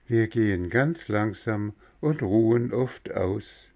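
A man's voice: on the low side, lively intonation, slow, dark tone. A man voicing a young wooden puppet boy who speaks firmly and lectures in proverbs, in a storybook reading. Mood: gentle caring. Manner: firm, scolding.

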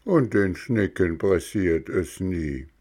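A man voicing a calm, unhurried female snail in a storybook reading, speaking in a placid, drawn-out way. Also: sits low, breathy edge, full character voice.

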